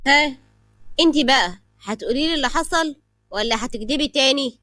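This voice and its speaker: A woman voicing a calm, suspicious elderly father with an Egyptian Arabic accent. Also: sits high, brisk, dry recording, soft background music. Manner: calm, knowing.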